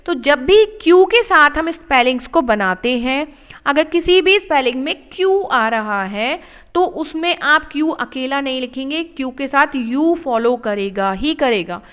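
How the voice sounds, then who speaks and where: A woman's voice: high voice, a bit bright, low-quality recording. A woman teaching an English reading lesson, drilling words one at a time and explaining in Hindi mixed with English. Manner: slow word-by-word drilling, mixing Hindi and English.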